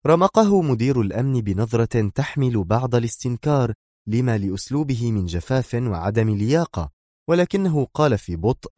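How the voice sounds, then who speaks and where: A man reading a spy novel aloud as narrator, in a steady, measured delivery. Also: mid-range voice, no echo, clean studio sound. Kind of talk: scripted audiobook narration.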